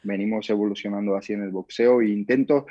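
A young man from Spain, a guest fighter answering interview questions in a calm, modest way. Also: on the low side, fast talker, no room sound, highs cut off.

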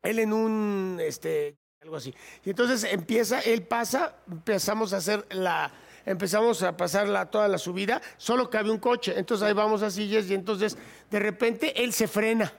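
A Mexican man speaks in a high voice with a gravelly rasp. He tells a rambling story and acts out the lines of the people in it. The talk is a loose, casual chat. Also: moderate pace.

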